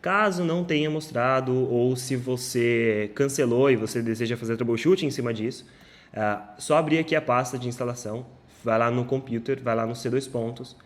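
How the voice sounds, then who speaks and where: A man giving a casual screen-share tech tutorial, with many filler sounds and self-corrections. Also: mid-range voice. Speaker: instructor.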